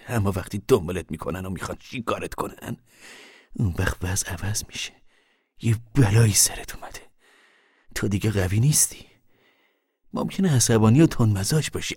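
An actor playing a hunted, bitter male squatter farmer in a radio drama, speaking in a wary, urgent way with a husky voice. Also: fairly low pitch, expressive, no room sound, clean studio sound.

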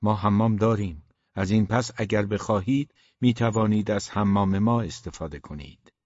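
A man voicing a young woman barber who talks to a man in a gently teasing, direct way, in a dull, dry recording. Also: on the low side, no room sound, natural voice. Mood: frank.

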